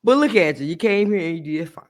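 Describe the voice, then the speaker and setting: A woman hosting a podcast, chatting warmly and casually with a guest and her listeners, laughing often. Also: mid-range voice, fast. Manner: animated, laughs often, talks to listeners as y'all. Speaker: podcast host. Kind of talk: casual heartfelt chat.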